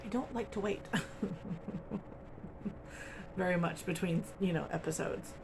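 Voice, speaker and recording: A woman's voice: lowish voice, takes it slowly, gravelly, background noise. A woman chatting casually to camera as host of a crochet channel, rambling along with lots of ums and little laughs, from home. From United States.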